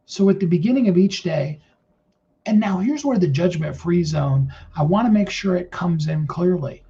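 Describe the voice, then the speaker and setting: A middle-aged motivational speaker gives a casual talk in a naturally high, soft and mellow voice. He's earnest, animated and rambling, speaking at normal speed and stacking up filler words as he circles around his point. The recording sounds muffled and lo-fi.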